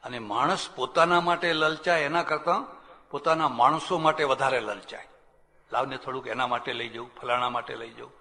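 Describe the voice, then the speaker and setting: Older swami, bright voice in a hall. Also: male voice, medium pitch, normal speed. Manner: folksy storytelling, acts out quoted people, chuckles. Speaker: swami giving a religious discourse. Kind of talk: spiritual discourse with anecdotes. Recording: long reverb of a hall.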